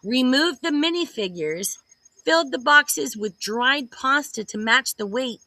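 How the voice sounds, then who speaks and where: A woman's voice: sits high, expressive, sharp tone, dry recording, rough recording. A woman hosting a comedic news roundup over a video call, chatty and sarcastic as she reads headlines. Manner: chatty, sarcastic, quick to joke. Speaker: host.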